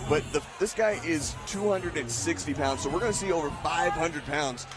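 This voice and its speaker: A man's voice: fairly high pitch, moderate pace. A man giving conversational, enthusiastic live commentary as a fight commentator. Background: music.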